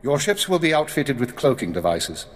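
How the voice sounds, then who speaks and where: In a video game cutscene, an actor plays a stern middle-aged male spymaster briefing an agent in a clipped, commanding tone. His voice is medium-pitched and very animated, delivered at a moderate pace. The recording carries a long hall reverb.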